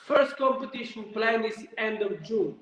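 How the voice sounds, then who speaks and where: Italian man, halting, echoey room. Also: high voice, expressive, fairly bright tone, slight background noise. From Italy. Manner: halting, leans on "you know". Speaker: dancer guest. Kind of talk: live interview chat. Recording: echoey room with long reverb.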